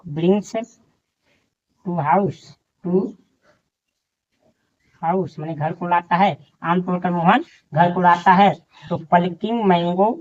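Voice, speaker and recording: Slow, dictating male Hindi teacher. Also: sits high, a little mellow. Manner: slow, repeats each word as if dictating. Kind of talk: slow Hindi grammar lesson, dictating sentences. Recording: dull lo-fi sound.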